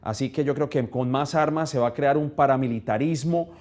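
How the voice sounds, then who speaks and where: A man, a panel analyst in a live news debate, making a measured, deliberate argument. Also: medium pitch, darkish tone.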